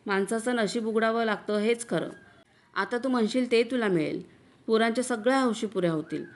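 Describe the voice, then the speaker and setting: A woman's voice: fairly high pitch, fairly quick, lightly acted. A boastful, self-assured husband who coaxes his wife with big promises, read by a woman narrator in her plain voice. He sounds confident and persuasive in this storybook reading. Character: boastful husband, middle-aged man, smooth talker.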